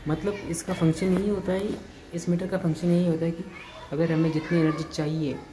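In a casual walkthrough shot on a handheld phone, an electrician films himself off-frame explaining an installation on a rooftop, then in an indoor stairwell and at a wall. The recording is low quality. His slightly high voice stays mostly level, and he halts, repeats words and starts over while pointing things out.

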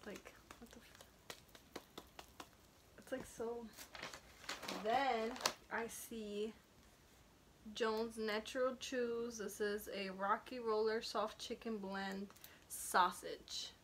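Slow-talking young woman, noisy recording. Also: a little high, fairly even intonation, fairly bright tone. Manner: rambling, offhand, trails off mid-sentence. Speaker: vlogger. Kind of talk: casual unboxing chat.

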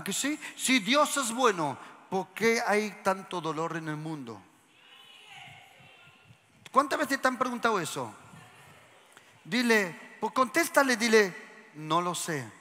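A male pastor preaches in a church hall with a long reverb tail. His voice sits high and bright, with wide pitch swings. He talks at an unhurried pace, drops to whispers, then bursts into shouts while quizzing the congregation. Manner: asks the congregation questions and has them repeat lines. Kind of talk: lively sermon to a congregation.

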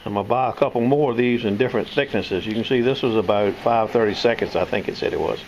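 A man's voice: on the low side, fast, darkish tone, muffled recording, slight background noise. An older man, casually demonstrating tools in his home workshop, rambling and folksy. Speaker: knife sharpener showing his shop tools.

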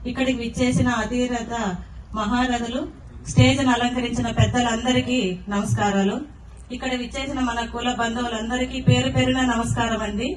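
A woman giving a polite, formal welcome address that greets and thanks the guests. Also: fairly high pitch. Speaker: event speaker greeting guests. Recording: noisy echoey hall from far off.

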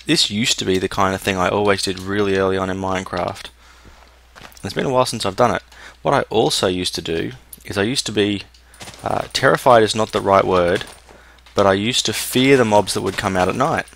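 A man's voice: on the low side, creaky, a bit bright, a little hiss or hum. A young man giving casual let's-play commentary, muttering and thinking aloud as he plays. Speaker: gameplay commentator.

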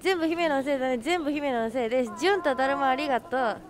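A woman's voice: high-pitched, very fast. A woman live-streaming outdoors, chatting casually with her viewers and friends and laughing often. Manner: bubbly, greets chat, laughs often. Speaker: livestreamer.

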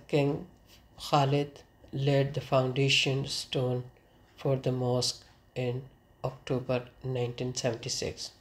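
A man narrating a travel video in a slow, halting way, pausing often between phrases. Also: mid-range voice. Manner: slow, halting reading with pauses. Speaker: travel vlogger.

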